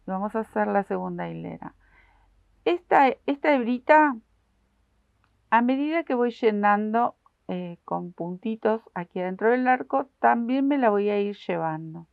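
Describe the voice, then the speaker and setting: A woman's voice: medium pitch, gravelly, no echo. A woman explaining a crochet pattern step by step, talking patiently to her viewers while she works. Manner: patient, explains each stitch while working; uses many diminutives, addresses viewers directly. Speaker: crochet instructor. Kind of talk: step-by-step craft tutorial. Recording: dry, tinny phone-like sound.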